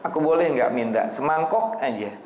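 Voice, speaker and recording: A man's voice: mid-range voice, big pitch swings, moderate pace, a little mellow, a little hiss or hum, natural voice. A man doing a humble cobbler. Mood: pleading. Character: humble poor male cobbler, gentle and earnest. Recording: echoey hall.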